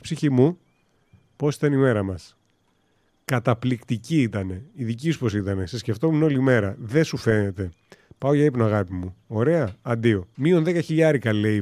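A man's voice: mid-range voice, warm tone, dry recording. A man giving casual let's-play commentary in a joking, sarcastic way with mild swearing. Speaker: gaming commentator.

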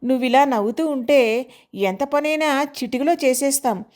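A man's voice: very high voice, moderate pace. A woman voicing a cheerful, teasing older husband in an audio story. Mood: playful. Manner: jovial, teasing.

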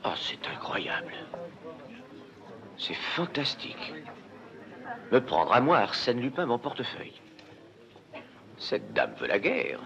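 An actor playing a witty, gallant gentleman thief posing as a count, in 1950s film style. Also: mid-range voice, huge pitch swings, measured pace, creaky, long pauses, crowd noise, full character voice. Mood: amused. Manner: playful, gallant, ironic. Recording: dull old film soundtrack with music.

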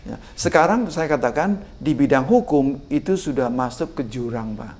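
A man's voice: mid-range voice, normal speed. An older man, a guest expert on political communication in a podcast interview, talking emphatically and often addressing the host respectfully. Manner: emphatic, animated, sprinkles "Pak" often.

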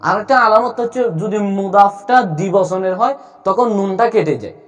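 A man's voice: high-pitched, fairly quick, soft background music. A man teaching Arabic grammar in a video lesson, explaining step by step and asking himself questions as he goes.

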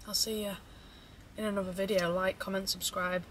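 A young woman talking fast and rambling through a mukbang vlog, chatting between bites of food. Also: medium pitch, level tone, background noise. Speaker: vlogger.

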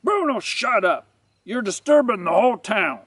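A man's voice: high voice, very animated, moderate pace, a bit bright, far from the mic, a little hiss or hum, full character voice. A man voicing a stern grown dog owner who scolds his dog. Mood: scolding.

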